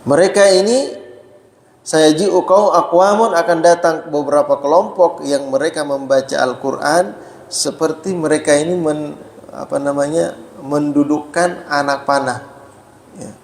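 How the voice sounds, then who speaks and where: A man's voice: on the high side, creaky, a little mellow, slight background noise. Echoey mosque preacher, man. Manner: explains Arabic terms slowly, frequent "ya" tags; asks listeners rhetorical questions. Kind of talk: mosque study talk.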